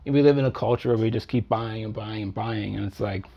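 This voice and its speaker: A man's voice: lowish voice, quick pace, vocal fry, lo-fi sound. A man hosting a casual interview in an amp shop, talking loosely and enthusiastically with lots of fillers. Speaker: interviewer and host.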